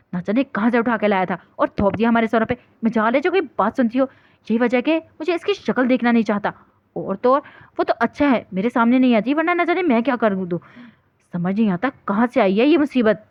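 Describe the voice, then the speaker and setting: A contemptuous older uncle rants on and on, as a woman reader puts him on. The voice sits slightly high and sounds dry and close, with a dull, lo-fi tone. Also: expressive, no echo, close to an everyday voice. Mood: ranting, bitter. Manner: ranting, bitter and contemptuous. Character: angry older man, the household's scolding uncle.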